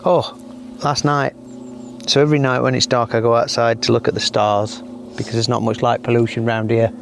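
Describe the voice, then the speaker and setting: A man's voice: medium pitch, brisk, gravelly, a little hiss or hum. A middle-aged man co-hosting a podcast, telling stories in casual chat from outdoors in a garden. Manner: chatty storyteller, animated when ranting. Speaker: podcast co-host.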